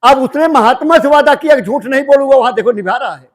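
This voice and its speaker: Guy with a really high voice preaching, chatty storytelling sermon, acts out the bits. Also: animated, quick pace. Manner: colloquial, acts out dialogue in folksy parables. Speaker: satsang speaker.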